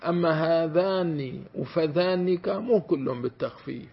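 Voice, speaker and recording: A man's voice: a little high, normal speed, vocal fry, slightly rough. A man, a sheikh teaching a class on Quranic commentary, who stretches out words to demonstrate them and checks that his students follow. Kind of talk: classroom lecture on grammar. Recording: dull lo-fi recording with faint hiss.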